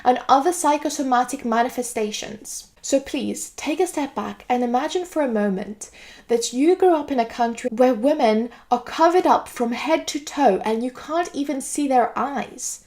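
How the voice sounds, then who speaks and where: A woman's voice: high-pitched, moderate pace, a little mellow. A woman from Greece delivering an earnest, lecturing monologue. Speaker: political video commentator. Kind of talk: scripted monologue to camera.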